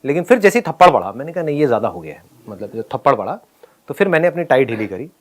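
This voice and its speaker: A man tells a personal school story in an animated way, laughing often and acting out his own lines. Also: medium pitch, racing. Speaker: speaker telling a school story.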